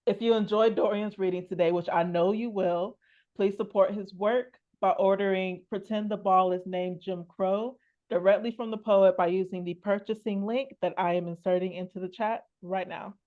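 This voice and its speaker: A woman hosts a poetry reading online, talking in a relaxed, casual way with a few fillers. Her voice sits at a middle pitch. The call audio sounds slightly dull. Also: moderate pace. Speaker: reading series host. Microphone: video call.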